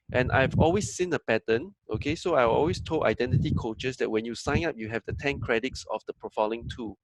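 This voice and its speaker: A man's voice: mid-range voice, no echo, poor audio. A man giving a training talk as a business coach, conversational and full of fillers, often acting out what others say. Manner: conversational, acts out quoted dialogue, frequent fillers.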